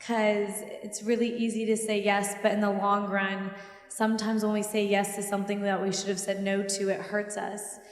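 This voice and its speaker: A woman's voice: mid-range voice, level tone, moderate pace. A young adult woman speaking earnestly and firmly as a panelist. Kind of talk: casual panel talk. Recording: echoey hall.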